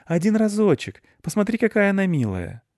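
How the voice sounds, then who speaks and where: An excited young boy pleads with his parents, as a male storyteller puts him on. The voice jumps far above the reader's own. The reading is dry and close. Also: high-pitched, a little fast, dry recording, pitched above the performer's own voice. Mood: pleading, excited. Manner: excited, begging.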